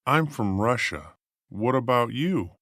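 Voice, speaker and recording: A man reading a learner's dialogue as a friendly student, with clear, careful delivery. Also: mid-range voice, lively intonation, measured pace, fairly bright tone, no room sound, studio quality. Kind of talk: slow scripted dialogue for learners.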